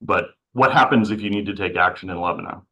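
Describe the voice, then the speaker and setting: A man's voice: deep voice, fast talker, sharp tone, rough recording. A man moderating a policy panel who is losing his voice and asks long, rambling questions.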